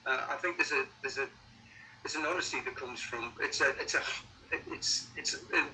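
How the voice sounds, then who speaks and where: Bright-voiced man with a Sunderland accent. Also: medium pitch, a little hiss or hum, poor audio. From Sunderland, North East England. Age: middle-aged or older. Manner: halting, repeats words while thinking. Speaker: musician being interviewed. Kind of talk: casual interview chat.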